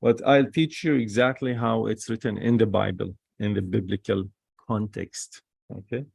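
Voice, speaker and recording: A man with a lowish, gravelly voice teaches the Hebrew alphabet very slowly. He repeats each letter's sound several times and uses non-native phrasing. The recording is close and dry. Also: steady tone, darkish tone, dry recording. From Holy Land. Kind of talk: classroom lesson.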